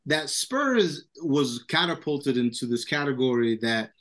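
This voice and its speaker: A man's voice: mid-range voice, animated, a little slow, a bit bright. A man hosting a casual sports podcast about football, talking in slang and repeating his phrases for emphasis.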